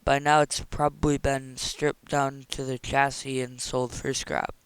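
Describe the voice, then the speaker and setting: A man reading aloud voices a bored male police desk officer speaking flatly. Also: mid-range voice, measured pace, clear, resonant tone, dry recording, close to an everyday voice, poor audio. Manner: flat, bored.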